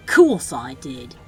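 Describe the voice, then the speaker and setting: A woman's voice: rumbling low, full character voice. A woman voicing a sardonic, bossy male demon in a fan audio drama, talking in a dry, exasperated, scolding way.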